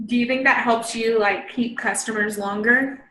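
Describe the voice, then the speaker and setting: A young woman hosts a video call, with a bright, slightly high voice that sounds roomy and echoey. She asks her questions in an enthusiastic, gushing way and says "like" often. Faint noise runs behind her voice. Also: steady tone, moderate pace. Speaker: interview host and team leader. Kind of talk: casual video call interview.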